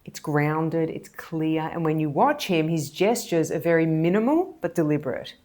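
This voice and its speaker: A woman hypnotist and body language coach explaining speaking techniques in a measured, deliberate, emphatic way. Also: deep voice, expressive, a little mellow. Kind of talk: explanatory video lesson.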